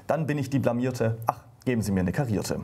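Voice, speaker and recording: A man's voice: medium pitch, expressive, fairly quick, a little mellow, slightly rough. A man voicing a fussy, indecisive young wife in a comic poem recital, chattering and fretful.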